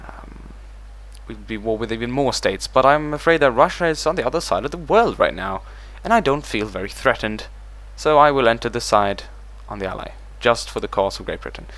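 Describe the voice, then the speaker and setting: Here the gaming channel host speaks in a mid-range, slightly bright voice. He narrates a strategy game let's play, mulling over his moves aloud as he manages things.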